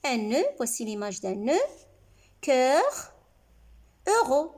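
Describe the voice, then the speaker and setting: Teaching young pupils to read, a woman primary school teacher sounds out words slowly and clearly, one syllable at a time, then asks the class questions and praises their replies. Her voice is high-pitched and a little mellow, with big pitch swings.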